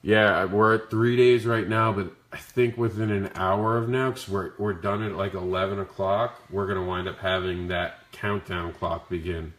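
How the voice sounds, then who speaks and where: A man with a rough, growly voice from the flu, talking casually as he hosts a question-and-answer stream about his creative work. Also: sits low, steady tone, normal speed, hardly any pauses, fairly bright tone. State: sick with the flu. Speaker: comic creator hosting a Q&A. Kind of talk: casual livestream Q&A talk. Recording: echoey, roomy sound.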